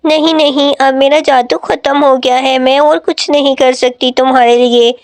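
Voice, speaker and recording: A woman voicing a gentle, polite young fairy in a cartoon story, speaking in an earnest, pleading way. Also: sits high, steady tone, normal speed, no room sound, close to an everyday voice. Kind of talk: Hindi cartoon story dubbing.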